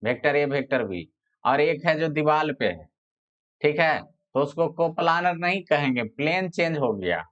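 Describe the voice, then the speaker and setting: Man dictating a physics lesson slowly. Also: on the high side, lively intonation, fairly bright tone. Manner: explains step by step, repeats words slowly when dictating. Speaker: physics teacher. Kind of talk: classroom lecture with dictation. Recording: dull lo-fi sound.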